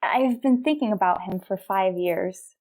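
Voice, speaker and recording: A young woman playing a frightened, wistful stowaway in a radio drama, halting, pleading and emotional. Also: mid-range voice, darkish tone, rough recording. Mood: wistful, resigned. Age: young adult.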